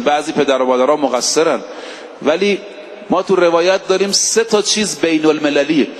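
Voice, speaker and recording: A man delivers a sermon in a high, carrying voice. He exhorts his listeners and stretches the verses he quotes into a slow chant. The sound rings with the long reverb of a large hall. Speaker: preacher.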